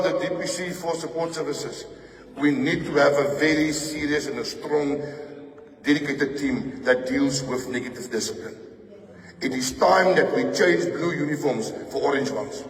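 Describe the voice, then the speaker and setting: A man's voice: fairly high pitch, a little slow, pauses often, roomy sound, long reverb tail, far from the mic, a little hiss or hum. A man giving a firm, rallying speech to police officers as an official. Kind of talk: public address to officers.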